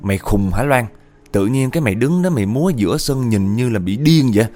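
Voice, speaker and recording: A man's voice: medium pitch, expressive, fairly quick, mellow, faint music behind, close to an everyday voice. A man playing a fierce old grandmother who scolds and threatens bluntly. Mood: scolding.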